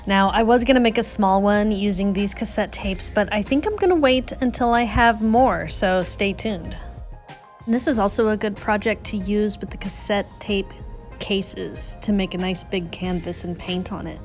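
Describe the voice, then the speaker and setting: This voice-over comes from a female craft vlogger hosting a tutorial, speaking casually and chattily with a self-deprecating touch. Her pitch is medium and her pace moderate, over background music.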